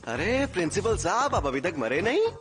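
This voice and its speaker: A man as a cocky young sorcerer, mocking tone, slightly high voice, loud music behind. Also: very animated, normal speed. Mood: taunting. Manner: teasing, taunting. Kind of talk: anime dub.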